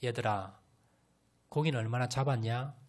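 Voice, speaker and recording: A man voicing a gentle, fatherly figure who speaks softly and calmly to his followers. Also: moderate pace, close to an everyday voice. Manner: soft, lowered, calm delivery.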